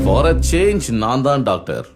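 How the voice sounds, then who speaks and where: A man's voice: mid-range voice, huge pitch swings, slow pace, faint music behind. A man playing a doctor in a comedy skit, talking in a dry, sarcastic way. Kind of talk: casual comic skit dialogue.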